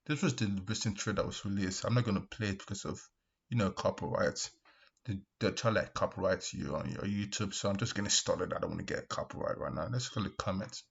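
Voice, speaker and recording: A husky, low-voiced man hosts a video, casually commenting on his opinions and reacting to comments. He is repetitive and emphatic, halting and restarting often, and the microphone sounds dull and lo-fi.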